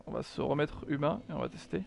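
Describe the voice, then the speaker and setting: A man's voice: a little high, fast, creaky, a little mellow, slight background noise. A man giving chatty live commentary while streaming a video game, mocking himself, swearing often and answering his chat.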